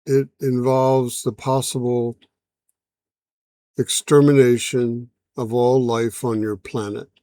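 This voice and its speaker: A solemn male alien envoy speaks slowly and evenly, voiced by a man telling the story. His voice sits at a middle pitch with a dry, close sound. Every word comes out formal and patient. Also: dark tone, no echo. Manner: measured, formal, unhurried speech.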